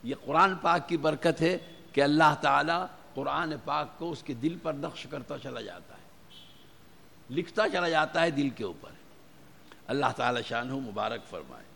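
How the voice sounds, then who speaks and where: A man's voice: on the high side, animated, creaky, fairly bright tone. A man giving an earnest, exhortative sermon to a gathering, repeating his key points. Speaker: religious preacher. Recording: reverberant hall with faint ambient noise.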